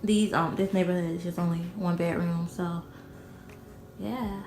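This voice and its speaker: A woman's voice: lowish voice, steady tone, measured pace. Twenty-something girl chatting on her vlog, lots of like and you know, music going behind her. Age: 20s. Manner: rambling, full of "like" and "you know". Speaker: vlogger. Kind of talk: casual vlog chat. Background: background music.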